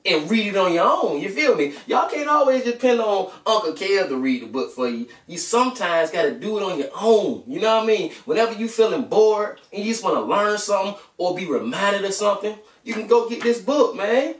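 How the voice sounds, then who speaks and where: The host of a children's bedtime read-aloud show, a young American man with a higher voice, talks in a sing-song, fairly quick way with few pauses. He chats to the kids informally and slangily, like they're pals, and reads a storybook. A distant camera mic in a small home room makes it echoey.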